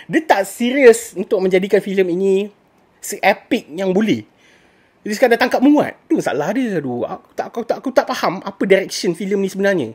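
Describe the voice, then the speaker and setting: A woman's voice: medium pitch, lively intonation, moderate pace, darkish tone, breathy edge. A woman with a Malaysian accent giving a casual spoken movie review, ranting in exasperation and mixing in English phrases.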